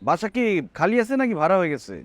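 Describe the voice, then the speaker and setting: An actor playing a brash, boastful young man hunting for a flat, with a sing-song way of talking. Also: high voice, fast. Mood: bargaining. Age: young adult. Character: brash cocky young man, full of himself. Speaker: son looking for a flat.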